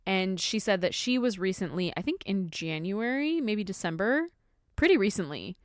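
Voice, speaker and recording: A woman's voice: mid-range voice, lively intonation, moderate pace, dry recording, clean studio sound. A woman hosting a podcast, recapping in an informal, giggly, chatty way. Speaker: podcast host. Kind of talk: casual chat, recapping a talk.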